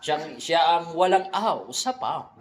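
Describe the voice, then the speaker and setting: Speaking slowly in a slightly high, expressive voice, a Western Visayan Filipino vlog host who also directs radio drama jokes around while introducing his colleagues, often tacking on tag questions. The indoor radio recording room is echoey, with chatter from people around him.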